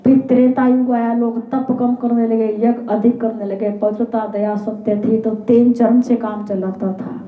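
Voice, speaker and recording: A woman's voice: a little high, flat delivery, measured pace, few pauses, soft background music. A woman telling a devotional scripture story at a religious gathering, in a dramatic and emphatic way. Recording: echoey, tinny phone-like sound.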